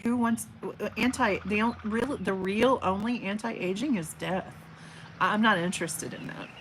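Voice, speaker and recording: A woman in her forties hosts a casual livestream at home by an open window with birds outside, reading viewer comments in a big teacher voice. She is chatty and affectionate, with frequent fillers and restarts, and her medium-pitched voice moves at normal speed over a noisy background.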